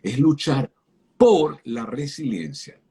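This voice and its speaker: A man's voice: medium pitch, very animated, slow pace, dark tone, husky. A man giving a fervent sermon-style talk as a guest speaker on a live stream, speaking directly to his listeners and often repeating words as he starts a phrase.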